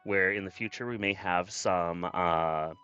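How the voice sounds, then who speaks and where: This streamer and VTuber speaks in a low voice at a measured pace, sounding pushed, bright and smooth while the audio's highs are cut off. He chats casually and effusively, full of gratitude and frequent thanks to his viewers, over background music.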